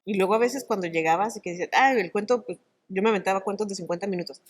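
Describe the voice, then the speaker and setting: A middle-aged woman, an actress and oral storyteller, talking in an interview in an animated, expressive way. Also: medium pitch, very fast. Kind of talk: conversational interview.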